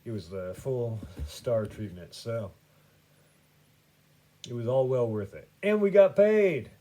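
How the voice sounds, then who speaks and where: A man hosting a podcast, telling a story casually, rambling with many fillers and restarts, swinging between quiet and loud. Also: mid-range voice, lively intonation, slow pace. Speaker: podcast host.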